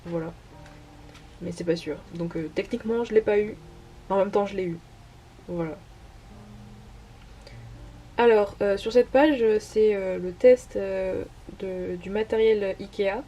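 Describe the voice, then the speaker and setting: A woman's voice: medium pitch, unhurried, long pauses, mellow, dull audio, slight background noise. A young woman casually talking through her sketchbook pages as an artist vlogger, hesitant and full of fillers. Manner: hesitant, many fillers, self-deprecating laughs. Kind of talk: casual narrated walkthrough.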